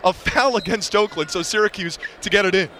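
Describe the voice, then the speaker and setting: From courtside in a large indoor arena, a high-pitched male voice delivers live basketball play-by-play a little fast. He tracks the game moment by moment in short, vivid lines, with a loud crowd and a bouncing basketball heard behind him.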